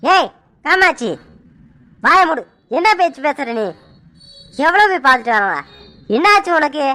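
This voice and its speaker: A woman voicing a high, scolding village husband. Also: normal speed, sharp tone, no echo. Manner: defensive, scolding. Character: defensive village husband, middle-aged, quick to anger. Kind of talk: cartoon voice acting.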